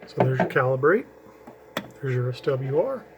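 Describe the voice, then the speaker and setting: A CB radio hobbyist, very animated and mid-range in voice, walks through radio setup at a moderate pace, rambling and restarting as he handles equipment. The camera mic picks him up over a noisy background in this casual how-to.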